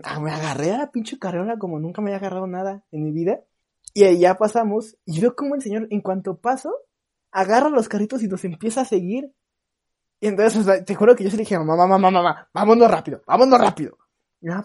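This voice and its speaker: A young man with a Mexican accent telling stories on a podcast, animated and swearing, teasing his friends. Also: high voice. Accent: Mexican Spanish. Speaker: podcast co-host. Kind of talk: casual storytelling chat.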